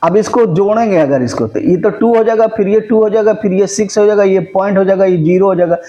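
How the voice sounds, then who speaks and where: A man's voice: high voice, fast, mellow, dull audio. A man teaching a maths lesson, often checking that his students follow along. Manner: mixes Hindi with English terms. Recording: echoey room.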